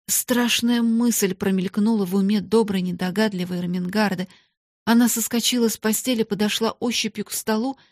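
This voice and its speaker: A woman narrating a classic children's story aloud in a steady, expressive audiobook reading. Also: mid-range voice, husky, no room sound, studio quality.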